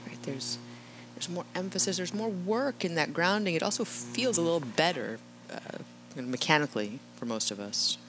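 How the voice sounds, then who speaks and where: Woman yoga instructor, low-pitched, steady class cueing, faint background hum. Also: moderate pace. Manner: calm, cueing breath and movement, with rhetorical "right?". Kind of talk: guiding a live yoga class.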